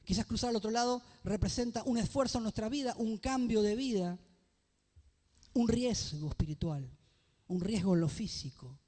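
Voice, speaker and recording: A man's voice: high voice, darkish tone, long reverb tail. A man preaching a sermon as pastor, rising into emphatic phrases and asking the congregation questions. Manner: reads scripture aloud slowly. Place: church.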